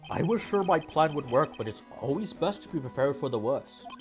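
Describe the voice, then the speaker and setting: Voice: medium pitch, lively intonation, brisk, over music, lightly acted. Someone doing a smug old man police chief. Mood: smug, calculating. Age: older.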